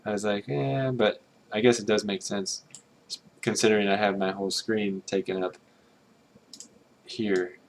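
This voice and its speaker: With vocal fry, a steady tone and long pauses, this low-voiced man speaks at a moderate pace over a faint hiss or hum. He is an English-speaking streamer translating a game, casually thinking aloud, trying readings tentatively, correcting himself and muttering Japanese under his breath.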